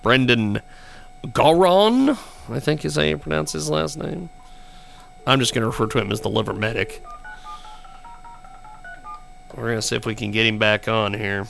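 A man's voice: mid-range voice, steady tone, brisk, creaky, pauses often, pushed and bright, a little hiss or hum. A man hosting a live broadcast show, talking casually and joking sarcastically about technical trouble. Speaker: radio show host.

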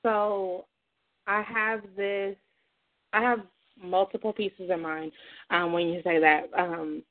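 A woman's voice: fairly low pitch, fairly even intonation, takes it slowly. A woman poet calling in over the phone, talking in a hesitant, casual way with many fillers. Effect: heard over the phone. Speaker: caller, poet and creative writer. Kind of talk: casual chat. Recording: tinny phone line.

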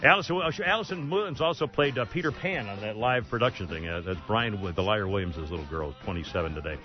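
A man's voice: lowish voice, animated, quick pace, muffled recording, faint music behind. A man hosting a talk radio show, rambling and sarcastic, often exasperated, speaking from a studio. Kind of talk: casual talk radio banter. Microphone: studio microphone.

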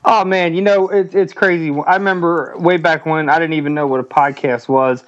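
A man phones in as a podcast guest and talks eagerly, looping back on himself with lots of restarts. His voice sits a little high. The line sounds muffled and dead dry. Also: steady tone, moderate pace, no room sound. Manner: eager, rambling, many restarts. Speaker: guest caller. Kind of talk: casual podcast chat. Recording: dull, dry call-in audio.

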